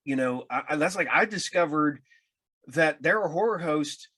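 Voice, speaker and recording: American man, higher-pitched, rambling casual interviewer. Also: expressive, normal speed, bright, forceful tone, breathy edge. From Ohio, United States.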